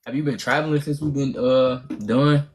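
A man's voice: medium pitch, fairly even intonation, normal speed. A young man with a Midwestern accent, chatting casually and teasing on a livestream. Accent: Midwestern American. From Gary, Indiana. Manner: laid-back, teasing, slangy. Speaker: TikTok live co-host. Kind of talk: casual chat.

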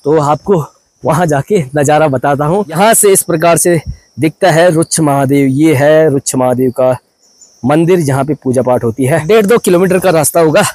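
High-voiced man from Uttarakhand vlogging outdoors. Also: normal speed, a little mellow. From Uttarakhand, India. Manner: chatty, pointing things out to viewers. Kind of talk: casual travel vlog narration. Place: outdoors at hill temples and a riverside.

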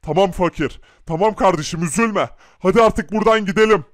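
A man voicing a calm, caring rich young man who speaks in a gentle, reassuring way. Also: high voice, fairly quick, dry recording, clean studio sound, lightly acted. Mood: concerned. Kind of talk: hobby animation voice acting.

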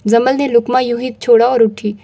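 A woman narrating a romance novel as an audiobook, reading in a steady storytelling manner. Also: on the high side, moderate pace.

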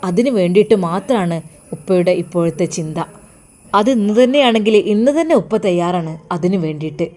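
A woman's voice: fairly low pitch, animated, fairly quick, warm tone, lightly acted. A woman voicing a loving, emotional older father who comforts his daughter in an earnest, pleading way. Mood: tender.

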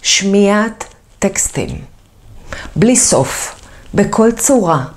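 A woman who teaches English, giving a video lesson about accent in a lively, emphatic way and repeating her key points. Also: medium pitch.

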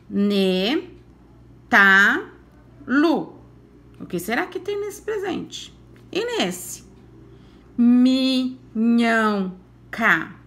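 A woman's voice: high voice, fairly bright tone. A woman teacher with a Brazilian Portuguese accent, giving a recorded lesson to young children in a coaxing tone full of diminutives. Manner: slow, sing-song, coaxing with diminutives. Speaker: primary school teacher.

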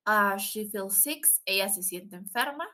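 Bright-voiced woman teaching English. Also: mid-range voice, animated. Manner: explains in Spanish, models English words slowly, adds tag questions. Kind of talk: recorded online language lesson.

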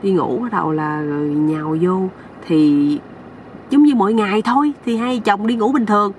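A woman's voice: mid-range voice, moderate pace, far from the mic, slight background noise. Chatty Southern Vietnamese woman storyteller. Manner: chatty, folksy, addressing viewers. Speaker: storyteller and channel host. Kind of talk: comic storytelling.

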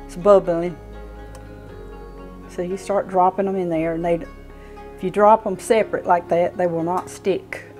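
Speaking in a lowish, darkish, steady voice, a Southern US woman in her sixties takes her time and pauses often as she cooks. She hosts a home cooking show, giving a folksy, informal step-by-step demonstration in her home kitchen, recorded on a clip-on lapel mic with soft music in the background.

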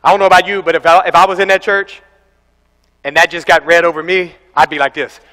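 A young man preaching a sermon as pastor, animated and telling stories with acted-out voices. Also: on the high side, fast talker. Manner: animated storytelling, acting out voices. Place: large church hall. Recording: echoey church hall.

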